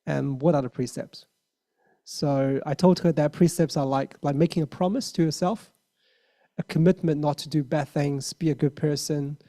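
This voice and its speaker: A man's voice: on the high side, steady tone, normal speed, dark tone. A man in his thirties from China with a Mandarin accent, giving an earnest dharma talk with many fillers and restarts. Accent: Mandarin Chinese. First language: Mandarin Chinese. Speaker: lay Buddhist speaker.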